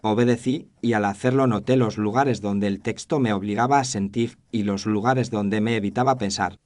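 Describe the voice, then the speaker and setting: In scripted narration for an audio drama, a man voices a thoughtful doctor recounting a case from his memoir in a reflective, literary way. His pitch is fairly low and his tone steady and darkish, at a normal speed with light acting.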